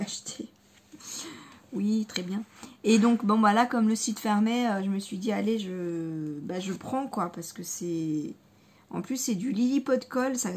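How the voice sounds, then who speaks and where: A woman's voice: medium pitch, a little mellow. A woman chatting casually in a haul video, hesitant with many fillers and repeated words, enthusiastic about her crafting materials. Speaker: scrapbooking vlogger.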